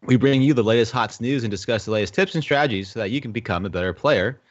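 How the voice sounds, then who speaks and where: A man's voice: mid-range voice, fast talker, lo-fi sound. A man hosting a gaming podcast, joking loosely and leaning on fillers. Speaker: podcast host. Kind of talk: casual podcast chat.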